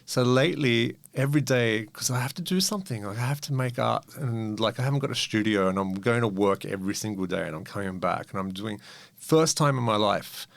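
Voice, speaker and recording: Podcast co-host man, gravelly low voice, rambling and animated, dry sound. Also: fairly quick, no room sound. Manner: rambling, animated, swears freely. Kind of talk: casual chat.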